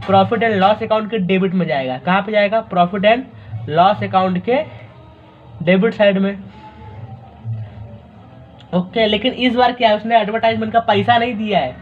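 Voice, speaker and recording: A man's voice: sits high, steady tone, normal speed, long pauses, soft background music. A young man from Maharashtra teaching accounting in a casual, joking lecture, calling his students "bhai". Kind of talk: informal recorded lecture. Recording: slightly dull recording with faint noise.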